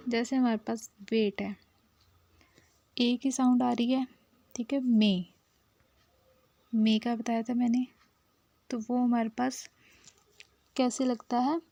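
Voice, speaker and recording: A woman's voice: a little high, fairly even intonation, slow pace, pauses often, dark tone, dry recording. A woman teaching shorthand step by step, patiently repeating herself and sometimes dropping to a near whisper as she writes. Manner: patient, repeats "theek hai" often, drops to a near whisper while writing. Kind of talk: step-by-step lesson, mixing Hindi and English.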